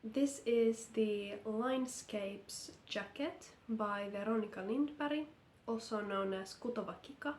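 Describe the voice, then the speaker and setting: Speaking English with a Finnish accent, a sick, hoarse woman gives a slow, careful, hesitant knitting vlog update. Her voice sits on the high side, and the lamp-lit indoor space sounds roomy with a little hiss or hum.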